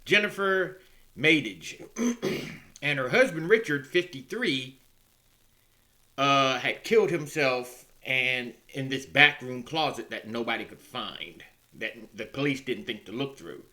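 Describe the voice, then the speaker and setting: A man hosting a casual news commentary show, musing wryly over odd stories and often clearing his throat. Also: medium pitch, animated, takes it slowly, sharp tone.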